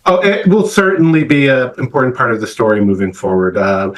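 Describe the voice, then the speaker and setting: A middle-aged man, a political science professor, answering questions in a news interview in a measured academic way, pausing often on "uh" and "um". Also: mid-range voice, rough recording. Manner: measured, academic, many "uh" and "um" fillers.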